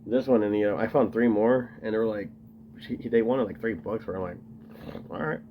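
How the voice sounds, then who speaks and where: A man's voice: fairly low pitch, a little fast, phone-quality sound, noisy background. A man casually rambling to camera as he shows off his collection, enthusiastic and full of fillers. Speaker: video host showing his tape collection.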